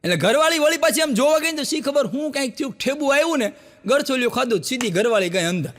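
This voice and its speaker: A man tells jokes on stage. His voice sits high, and he acts out each character in his stories. The sound rings with the long reverb of a large hall. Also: fast. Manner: animated storyteller, acts out quoted characters with jumps in pitch. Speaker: stand-up joke teller. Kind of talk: Gujarati folk joke telling to a live audience. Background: audience laughter.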